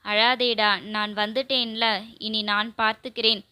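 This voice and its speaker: A woman voicing a firm, protective young man who speaks with quiet insistence. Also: fairly high pitch, little pitch movement, unhurried, clean tone, dry recording. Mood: soothing.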